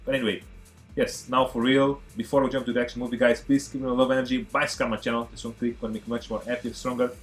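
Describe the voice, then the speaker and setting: Movie reaction host, man, native Portuguese speaker, excitable and chatty, middle pitch. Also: fast, soft background music. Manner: chatty, excitable, addresses viewers as guys. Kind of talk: casual reaction commentary.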